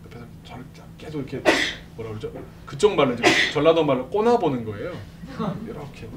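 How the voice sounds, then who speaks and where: Animated man telling a story at church. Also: medium pitch, fast talker. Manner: animated, acts out quoted voices, laughs often. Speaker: speaker at a church service. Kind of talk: storytelling testimony to a congregation. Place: church sanctuary. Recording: distant mic with background noise.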